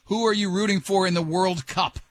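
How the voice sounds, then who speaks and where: High-voiced brash male radio host. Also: fairly quick, no room sound. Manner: brash, joking, talks over others. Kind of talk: morning radio banter.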